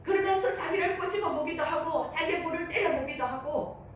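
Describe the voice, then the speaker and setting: A woman's voice: very high-pitched, a little fast, a little hiss or hum. A woman pastor preaching a Christmas sermon, telling the story and acting out the prayers. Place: church sanctuary. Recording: echoey church hall, mic at a distance.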